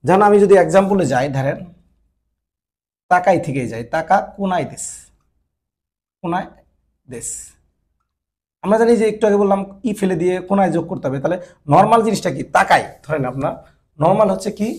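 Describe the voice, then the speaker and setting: A man's voice: sits high, lively intonation, a little fast, long pauses, a little mellow. A man teaching a grammar lesson, repeating each point and often checking that his listeners follow. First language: Bengali. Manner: repetitive, checks understanding often. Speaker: Japanese language teacher. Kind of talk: classroom-style grammar lesson.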